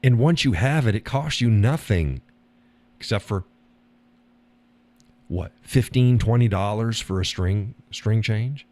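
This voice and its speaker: A low-voiced man speaks slowly on his own live stream, with lively intonation, a darkish tone, and long pauses. Blunt and rambling, he swears freely, laughs between comments, and jumps up high to mimic others.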